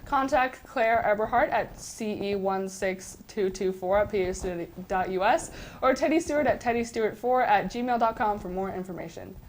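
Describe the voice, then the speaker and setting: A woman's voice: medium pitch, moderate pace. A teenage young woman anchoring scripted school news announcements. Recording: faint background noise.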